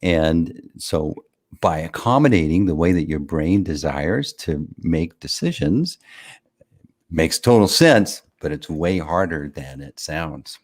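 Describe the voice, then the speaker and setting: A man's voice: extremely low pitch, lively intonation, slow, darkish tone. A man co-hosting a podcast, reflecting in casual chat and asking his co-host leading questions.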